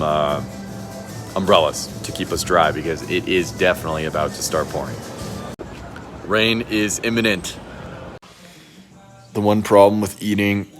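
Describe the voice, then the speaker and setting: A man talking casually as a travel vlogger, relaxed and chatty, filling gaps with "you know" and "like.". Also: sits low. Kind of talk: casual travel vlog narration. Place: outdoors on a hilltop city viewpoint.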